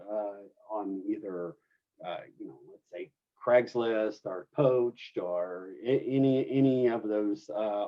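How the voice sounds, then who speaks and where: Rambling male instructor, muffled recording. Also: fairly low pitch. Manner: rambling, with many restarts and fillers. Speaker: culinary instructor. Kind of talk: classroom lecture. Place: classroom.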